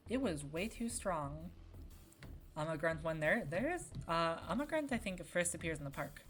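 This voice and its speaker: A woman's voice: lowish voice, lively intonation, normal speed, a bit bright, soft background music. A young woman, a game developer, chatting casually over her own playthrough and answering viewers' questions as she goes. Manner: chatty, wandering, answers chat. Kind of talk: casual let's-play commentary.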